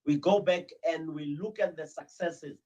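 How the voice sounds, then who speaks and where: A South African man answering as an interview guest, telling anecdotes with frequent "uh" pauses. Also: a little high, rough recording. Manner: hesitant, many "uh"s, steady storytelling. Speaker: interview guest, crime-prevention ambassador.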